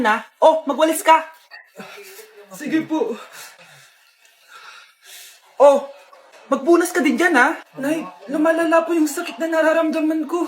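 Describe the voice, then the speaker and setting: A woman performing comedy skits and playing every part herself, switching quickly between characters. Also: sits high.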